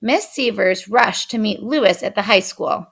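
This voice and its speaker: A woman's voice: medium pitch, creaky, breathy edge. A woman expressively reading a children's picture book aloud. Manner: expressive, unhurried. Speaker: storyteller.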